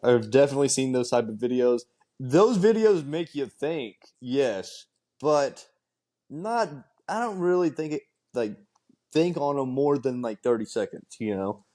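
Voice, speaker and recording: A man's voice: medium pitch, animated, unhurried, mellow. A young man co-hosting a podcast over a video call, talking in a laid-back, agreeable way with plenty of fillers. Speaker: podcast co-host. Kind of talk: casual chat.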